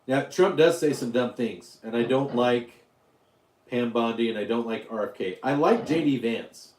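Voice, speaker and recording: Rambling dad on a live stream. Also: male voice, mid-range voice, moderate pace, a little mellow, reverberant. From Utah. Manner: rambling, answers chat questions, jokes around. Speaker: YouTube livestream host. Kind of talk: casual live-stream chat.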